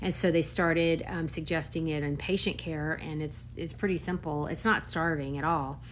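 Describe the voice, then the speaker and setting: A woman in her fifties, a doctor, talking casually to camera in an animated, emphatic way with quick asides. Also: sits low, a little hiss or hum. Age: 50s.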